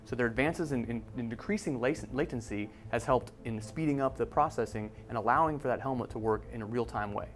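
A man in his forties reporting a news feature, explaining technology in a brisk, conversational way. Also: mid-range voice, faint music behind. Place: office room.

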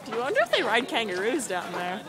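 Young woman, slightly high, teasing casual chat, crowd noise loud behind. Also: very animated, fast talker. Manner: playful, teasing, trails off mid-sentence. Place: outdoors at a zoo light display, among crowds. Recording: crowded outdoor handheld recording.

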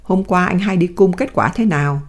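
Woman reading as a warm, affectionate woman prisoner. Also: lowish voice, normal speed, close to an everyday voice. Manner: affectionate, indignant. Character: warm middle-aged southern woman prisoner.

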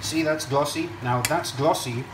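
A man's voice: fairly high pitch, a little slow, distant mic. A man talks as a cooking show host, casually explaining each step to camera in a chatty, digressive way. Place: indoor kitchen at a stove. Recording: echoey kitchen, off-mic, hiss and sizzle. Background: frying sizzle and stirring.

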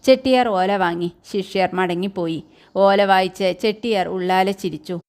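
A woman reading a novel chapter aloud in steady, measured storytelling. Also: mid-range voice, clean tone. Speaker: narrator. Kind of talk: scripted narration of a novel chapter.

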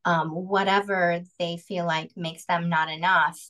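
A woman in her forties speaks on a video call from a room at home. Her voice sits a little low, and she talks in an earnest, reflective way, pausing often on ums. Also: flat delivery, fairly bright tone, rough recording. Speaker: pageant director.

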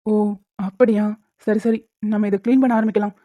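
A woman voicing a young cartoon husband who bickers and protests loudly. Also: mid-range voice, steady tone, moderate pace, no room sound, lightly acted. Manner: loud protesting outbursts. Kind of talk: Tamil cartoon dubbing. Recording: tinny phone-like, dry.

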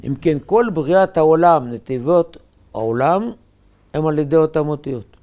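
Rabbi giving a measured Hebrew-style sermon. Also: male voice, fairly high pitch, warm tone. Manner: measured teaching with short emphatic phrases.

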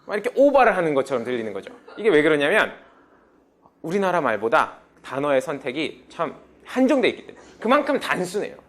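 A man's voice: a little high, very animated, quick pace, a bit bright. A man teaching a beginner English class, prompting students and drilling phrases. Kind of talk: lively classroom lecture.

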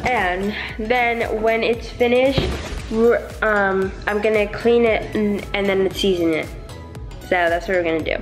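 A young woman keeps a steady tone and a slightly slow pace, her pitch medium, while walking viewers through each step of her cooking in a large home kitchen. It's a casual vlog shot on a handheld camera, occasionally set down at a distance, with echo and background music.

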